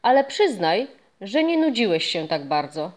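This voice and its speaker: A woman's voice: mid-range voice, big pitch swings, measured pace. A woman voicing a friendly old castle ghost. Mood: mysterious. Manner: mysterious, proud, warm storytelling.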